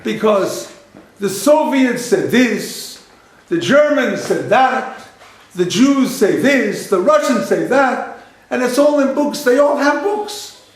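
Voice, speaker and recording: A man's voice: very high-pitched, expressive, slow. Man, rabbi giving a lecture, storytelling, repeats himself, acts out dialogue, echoing room.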